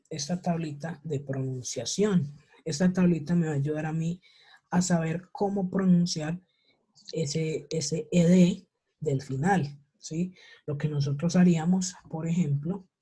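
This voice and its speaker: A woman teaches slowly and patiently over a video call, often pausing to check her students follow. Her voice sits low and mellow, with a husky edge. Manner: patient, checks understanding with repeated questions. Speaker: English teacher. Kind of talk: online class lesson.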